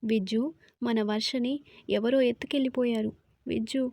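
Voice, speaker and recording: A woman's voice: mid-range voice, steady tone, moderate pace, mellow, no echo, close to an everyday voice. A woman voicing a frightened young woman pleading for help in a storybook. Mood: tearful. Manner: pleading, tearful.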